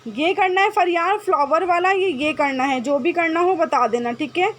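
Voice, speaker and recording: A woman hosting a live-stream clothing sale, talking briskly and checking with viewers again and again. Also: very high-pitched, slight background noise. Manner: brisk, repetitive, checks with "okay?" often. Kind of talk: live-stream sales chat. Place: home room with generator noise.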